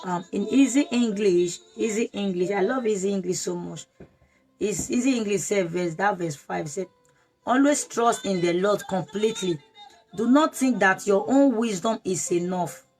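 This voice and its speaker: Casting: woman preacher, fervent exhorting delivery, soft music underneath. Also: medium pitch, normal speed. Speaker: prayer leader. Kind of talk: online sermon.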